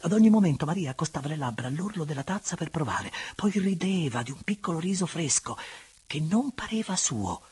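A man narrating a classic novel aloud in an expressive, hushed storytelling manner. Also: a little high, fairly quick, breathy edge. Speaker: audiobook reader. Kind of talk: dramatic literary narration.

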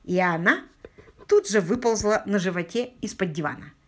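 A woman narrating an audiobook with expressive storytelling. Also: mid-range voice, moderate pace. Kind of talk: scripted narration.

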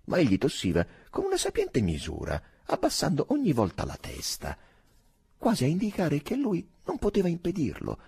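A man reading a novel aloud as an audiobook narrator, in a measured, expressive way. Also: mid-range voice, gravelly, husky, no echo. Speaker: audiobook reader.

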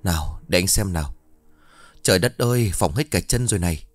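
A man's voice: deep voice, lively intonation, a little fast, no echo, faint music behind. A man voicing an alarmed young husband in an audio story.

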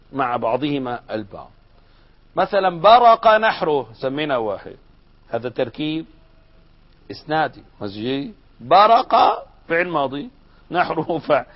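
Lively man teaching grammar. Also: fairly high pitch, lo-fi sound. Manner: lively explaining, asks students questions. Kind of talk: classroom grammar lesson.

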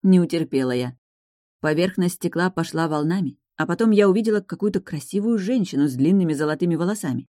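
A woman's voice: fairly low pitch, fast talker, few pauses, warm tone, dry recording. A woman narrating a first-person audiobook in a wry, sardonic way, close to the mic.

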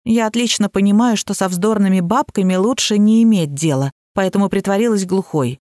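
A woman narrating an audiobook in a wry, ironic tone. Her voice sits at a middle pitch, and the recording is dry and close. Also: fairly quick, warm tone, no echo.

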